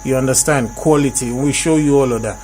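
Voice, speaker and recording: A man's voice: mid-range voice, fairly quick, darkish tone, slight background noise. A man hosting a casual group discussion, often repeating and rephrasing his points for emphasis. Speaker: host.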